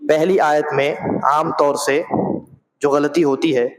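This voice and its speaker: A man's voice: a little high, little pitch movement, over a noisy crowd. Guy teaching quran recitation over the mosque mic, repeats sounds to show them, lots of echo. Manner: explains slowly and demonstrates sounds by repeating them. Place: mosque prayer hall. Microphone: mosque microphone. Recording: echoey mosque hall.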